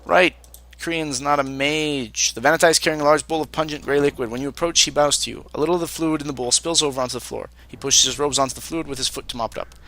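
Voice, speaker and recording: A man's voice: fairly high pitch, racing, few pauses, sharp tone. A man playing a role-playing game, reading its text aloud and commenting wryly in a casual way. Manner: casual, wry. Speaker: let's play host.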